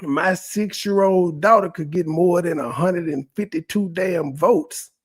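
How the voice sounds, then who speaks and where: A man's voice: high voice, measured pace, husky. A man hosting a reaction video, blunt, profane and mocking in his commentary. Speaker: YouTube reaction host.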